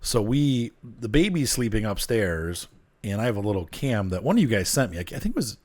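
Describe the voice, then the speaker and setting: A train-game streamer chats casually at home, muttering to himself while he plays, into a desk mic with the gain up. His somewhat low voice is very animated, brisk, and a little mellow, though a bit congested and nasal.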